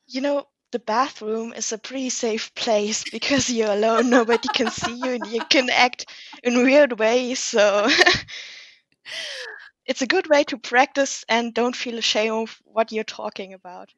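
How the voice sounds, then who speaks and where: A young woman in her late teens, German by first language, is a podcast guest speaking English in a modest, slightly hesitant way during a casual conversational interview. Her voice is a little high, animated, unhurried, and fairly bright, captured in a dry, low-quality recording.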